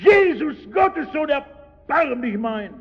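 A man voicing a desperate blind beggar who shouts and pleads for help. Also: extremely high pitch, very animated, slow pace, voice pushed up, full character voice. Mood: desperate pleading. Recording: lo-fi recording with long hall reverb.

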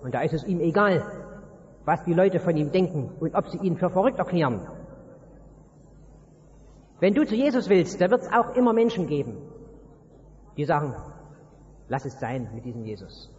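A man's voice: sits high, expressive, moderate pace, long pauses, a little mellow. A man preaching an evangelistic sermon, speaking directly to the listener with emphatic storytelling, heard in a dull recording from a large hall.

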